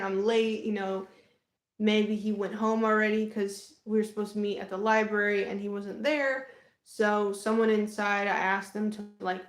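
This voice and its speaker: A young woman chats through a personal story on a live stream, circling back with plenty of "um"s and "like"s and restarting her sentences. Her voice sits at an ordinary middle pitch. The room around her rings with noticeable echo. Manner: rambling, many fillers and restarts. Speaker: vlogger. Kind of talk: casual livestream storytelling. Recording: echoey room.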